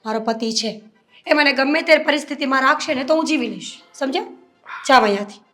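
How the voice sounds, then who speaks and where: An indignant young wife, played by a woman, firm and unyielding. Her voice is high and bright, with faint music behind. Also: a little fast. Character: young married woman firmly rejecting her brother-in-law. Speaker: actor in a web drama.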